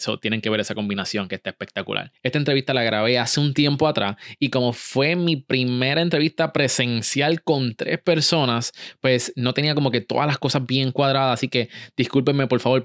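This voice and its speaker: A man's voice: medium pitch, a bit bright, no room sound. An upbeat man hosts a podcast interview, slipping English words into his talk. The sound is close and dry, with almost no room. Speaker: podcast host.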